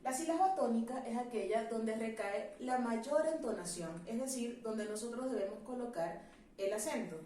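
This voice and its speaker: A woman teacher explaining a grammar lesson in a clear, measured classroom manner, asking rhetorical questions. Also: on the high side, warm tone, roomy sound, recorded from a distance, slight background noise.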